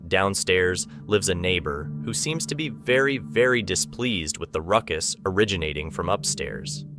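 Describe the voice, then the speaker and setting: A man's voice: sits low, animated, moderate pace, music in the background. A man reading a dramatic scripted narration for a video as its narrator.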